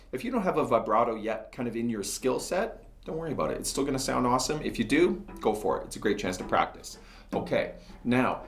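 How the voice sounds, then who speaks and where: A man's voice: mid-range voice, echoey room. A man teaching a cello lesson, chatting casually as he talks through each step while he plays.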